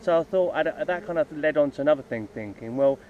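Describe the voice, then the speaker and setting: Standing outdoors by his beehives, a hobby beekeeper making videos rambles casually about his plans, full of ums and restarts. His voice is fairly high and quick, with a little hiss or hum. The unscripted vlog has dull lo-fi outdoor sound and faint buzzing insects.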